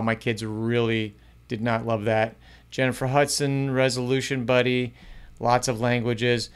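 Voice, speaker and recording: A man's voice: mid-range voice, clear, resonant tone. Upbeat middle-aged man vlogging. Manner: upbeat, chatty, varying pace. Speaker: youth ministry podcast host. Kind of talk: casual tutorial vlog. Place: small home studio room. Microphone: close studio mic in front.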